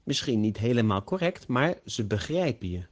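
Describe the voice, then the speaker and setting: A man narrating a story slowly and carefully, as an audiobook for language learners. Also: medium pitch, sing-song, muffled recording. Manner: slow, carefully pronounced.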